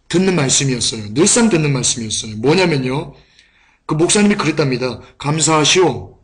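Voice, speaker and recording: High-voiced man preaching a sermon. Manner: storytelling, repeatedly addressing the congregation.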